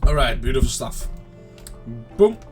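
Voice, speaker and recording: A gaming channel host talks to his viewers in casual let's-play commentary, rambling and chatty, his voice medium in pitch, very animated and a little slow. His throat sounds scratchy and slightly off, so he clears it often. Soft music plays in the background.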